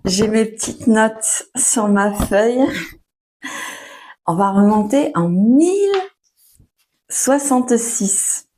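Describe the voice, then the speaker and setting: Slow, patient young woman teaching French. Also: a little high, animated, mellow, slight background noise. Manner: slow, patient, full of fillers and restarts, laughs often. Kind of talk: casual spoken lesson for learners.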